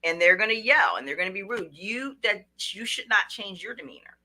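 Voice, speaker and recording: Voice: mid-range voice, animated, fairly quick, pushed and bright. A podcast guest giving earnest, instructive advice in a casual conversation.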